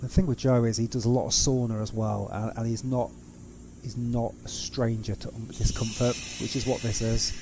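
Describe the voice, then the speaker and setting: A man hosting a reaction video offers casual commentary, explaining things as he goes and using tag questions. His medium-pitched voice shows little pitch movement and keeps a moderate pace, with background noise audible.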